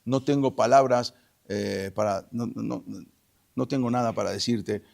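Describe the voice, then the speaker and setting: A man voicing a weary, ashamed older male king who speaks quietly and haltingly. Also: mid-range voice, vocal fry. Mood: remorseful.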